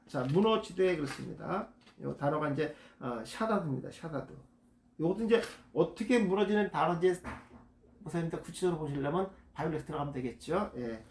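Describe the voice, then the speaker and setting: A man's voice: a little high, gravelly, roomy sound. A man leading a Bible study lecture, reading passages aloud and explaining words, often repeating key terms. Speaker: Bible teacher.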